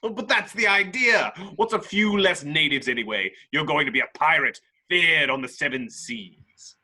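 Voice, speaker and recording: A man's voice: fairly high pitch, expressive, moderate pace, sharp tone, heavily acted. A man playing a gleeful, villainous pirate captain in a table read, theatrical and mocking. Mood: gleeful, menacing. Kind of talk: amateur table read acting.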